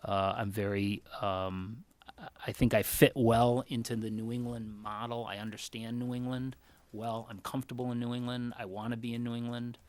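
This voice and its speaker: A man from Connecticut answering interview questions in an earnest, measured way as a job candidate. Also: mid-range voice, little pitch movement, no echo. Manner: earnest, measured, thinks aloud. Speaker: job candidate for town manager.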